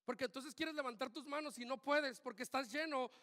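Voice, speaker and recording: A man preaching a sermon as pastor, swinging between loud urgent calls and quiet asides. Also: very high-pitched, fairly quick. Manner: animated preaching, shifts from shouting to quiet asides. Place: church hall. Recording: long hall reverb.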